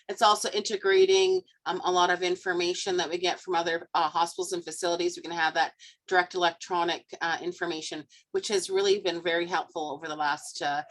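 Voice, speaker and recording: A woman hospital clinician on a panel, explaining things in a plain, practical way. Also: on the low side. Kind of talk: panel discussion answer.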